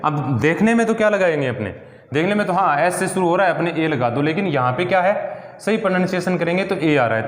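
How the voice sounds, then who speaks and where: A male teacher explaining grammar step by step, often checking in with his class and asking rhetorical questions. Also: a little high. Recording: echoey room with long reverb.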